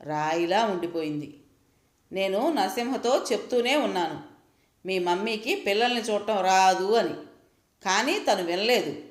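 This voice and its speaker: A woman voicing a sharp-tongued young mother who scolds and accuses her mother-in-law in a storybook reading. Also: mid-range voice, lively intonation, a little slow, reverberant, lightly acted. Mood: accusing.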